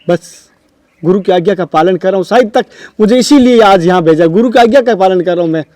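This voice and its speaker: Pleading, tearful high-voiced man. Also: brisk, dark tone, no room sound, clean studio sound. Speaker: devotee.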